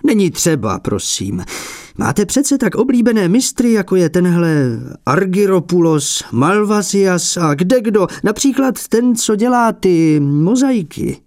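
A petty, touchy old abbot with a high, piping voice that swoops about as he sneers at other painters, put on by a man reading a story. His voice is heard close and dry, with no room around it. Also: very animated, a little mellow, dry recording. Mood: peevish, mocking. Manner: high, piping and peevish, mocking rivals. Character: old male abbot and icon painter, fussy and jealous.

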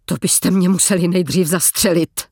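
Man voicing Kateřina, a quiet grieving young woman. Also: sits high, fairly even intonation, dry recording, clean studio sound. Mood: defiant. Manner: quiet, plain, terse.

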